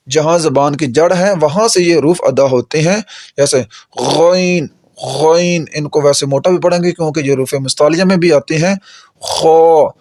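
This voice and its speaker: A man's voice: on the high side, darkish tone, no room sound, clean studio sound. A man teaching Quran pronunciation, patiently drawing out and repeating each letter for his students to practise. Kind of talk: tajweed lesson.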